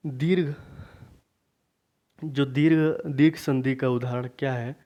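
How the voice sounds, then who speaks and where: A man teaching a grammar lesson for exam preparation, asking questions and then answering them himself, repeating key points slowly. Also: medium pitch, fairly even intonation, mellow. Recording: dull lo-fi recording.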